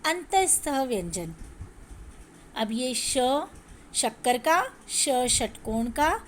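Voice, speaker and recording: A woman with a high voice teaching a grammar lesson to her students. She asks questions and answers them herself, in a patient classroom manner. A faint hiss of noise runs under the recording. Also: sing-song, drawn-out words, a bit bright. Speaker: Hindi teacher.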